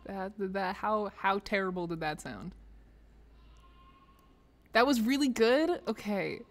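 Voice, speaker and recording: An American woman chatting on a live stream from an office. She laughs often and pokes fun at herself, and her voice sits at a middle pitch for a woman. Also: sing-song, slow, big-room sound. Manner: laughs often, self-deprecating. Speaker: streamer host. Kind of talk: casual live-stream chat.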